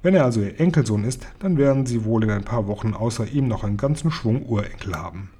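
A man's voice: fairly low pitch, expressive, quick pace, warm tone, slightly rough. A man voicing a talkative old taxi driver in a storybook reading. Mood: chatty.

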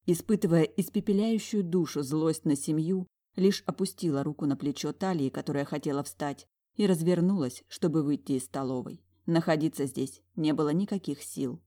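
A woman narrating a first-person fantasy romance audiobook. Her voice sits fairly low. The reading stays even and expressive throughout. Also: moderate pace, few pauses.

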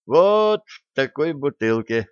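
A man's voice: a little high, sing-song, slow pace, smooth, no echo, highs cut off, voice pushed up. A man voicing a young female elf who talks in a languid, scheming way. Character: dreamy young female elf, mistress of the cat.

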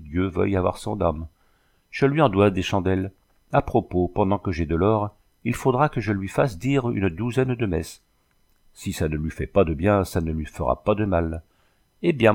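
A man's voice: low voice, creaky, darkish tone. A man reading a sea adventure storybook aloud, voicing the characters' lines. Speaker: audiobook narrator. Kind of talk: storybook reading with voiced dialogue.

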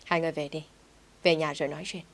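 A woman's voice: low voice, flat delivery, quick pace. A woman voicing a stern, commanding older father who scolds his family in an audio story.

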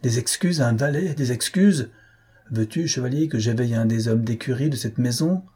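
A man voicing a jealous, furious young marquis who shouts in rage and scorn. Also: medium pitch, normal speed, husky, natural voice.

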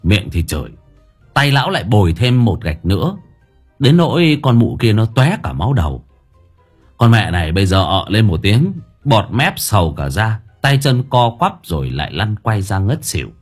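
Husky, lively male storyteller. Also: fairly low pitch, normal speed, soft background music. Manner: earthy, lively, slangy. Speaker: audiobook narrator. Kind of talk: colloquial storytelling narration.

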